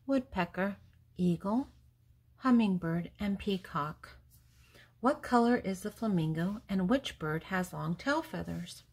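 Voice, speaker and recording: An older woman with a husky, lowish voice reads a picture book aloud to small children. She is deliberate and teacherly, pausing between words, and her pitch swings widely as she names things and asks simple questions, then answers them.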